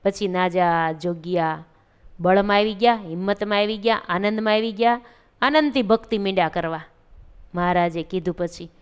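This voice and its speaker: A woman's voice: mid-range voice, normal speed, smooth, dull audio. A woman with a Gujarati accent telling a devotional story as a sermon, expressively acting out the pleading voices of the people in it. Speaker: religious storyteller.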